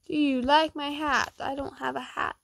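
A young woman chatting casually as she hosts gameplay, keeping quiet because others are asleep, tired and dry-throated from just waking up. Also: sits high, flat delivery, moderate pace, gravelly, dry recording. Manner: quiet, hushed, so as not to wake someone asleep. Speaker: gaming vlog host. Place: indoors at home.

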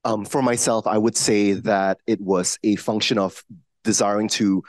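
A man from Singapore on an alumni panel in a lecture hall, measured and articulate. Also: fairly low pitch, fairly even intonation, darkish tone, studio quality. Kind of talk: answering on a live panel. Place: large university lecture hall.

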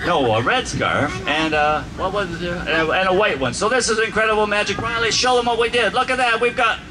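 A man's voice: high voice, fairly quick, poor audio. A man performing as a kids party magician outdoors, talking to his audience like a playful showman full of mock amazement. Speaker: children's magician and musician, host of the show. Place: outdoor park lawn under trees. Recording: outdoor PA, music and crowd noise behind.

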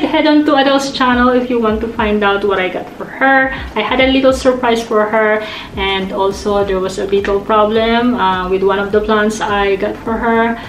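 Gushing high-voiced woman unboxing. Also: a little hiss or hum. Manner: gushing, exclamatory, keeps gasping and saying oh my God. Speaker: vlogger. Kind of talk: excited unboxing vlog. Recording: echoey room with faint music.

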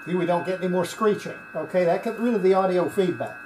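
An older woman with a lowish voice talks quickly, muttering to herself as she restores a radio at a cluttered electronics workbench. Her casual, hands-on commentary was recorded in a noisy workshop room.

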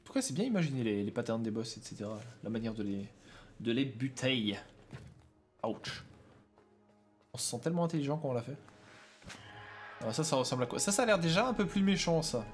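A young man giving casual gaming commentary as a let's play streamer, excitable, shouting and yelping at the game. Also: medium pitch, a little fast, pauses often, soft background music.

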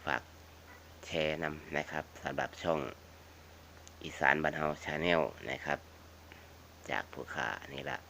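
A man's voice: very deep voice, little pitch movement, a little slow, creaky, pauses often, bright, forceful tone, a little hiss or hum. A man with a northeastern Thai Isan accent chatting casually and repetitively to viewers as a folksy vlog host, addressing them like family. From northeastern Thailand (Isan). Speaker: video channel host. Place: outdoors around a house.

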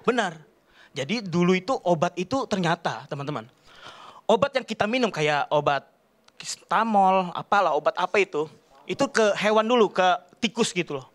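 High-voiced rambling stand-up comedian man. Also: moderate pace. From Kalimantan, Indonesia. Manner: animated, rambling, chatty slang delivery. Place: large TV studio stage. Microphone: handheld microphone.

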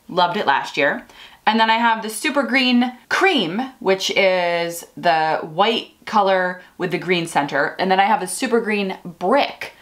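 A woman in her thirties, a flower farmer, talking casually and enthusiastically to the camera from a sunny room indoors. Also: on the low side. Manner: chatty and enthusiastic, with some ums. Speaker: flower farmer and channel host. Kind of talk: casual vlog talk.

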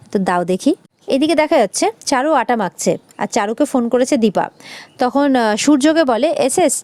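Rapid, dry-voiced woman recapping a serial. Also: darkish tone, no echo. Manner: rapid retelling, briefly shifts pitch for quoted characters. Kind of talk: fast casual episode recap, reading out dialogue.

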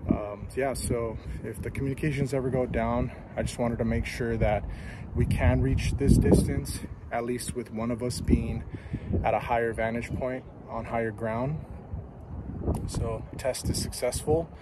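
This clip has a man in his thirties on a night-time mountaintop, speaking through a headset mic as he tests radios for his vlog. His medium-pitched voice keeps a measured pace, easygoing and plain-spoken with lots of ums, against background noise.

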